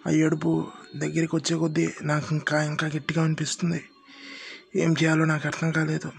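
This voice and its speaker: Man, horror storyteller, first-person narration, steady and tense, flat monotone delivery, slightly high voice. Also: brisk, creaky, a little hiss or hum.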